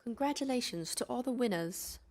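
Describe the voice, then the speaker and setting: A woman's voice: fairly high pitch, expressive, fairly quick, darkish tone. A young adult woman streamer chatting casually with her viewers during a live game stream, greeting them by name. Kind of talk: casual livestream chat.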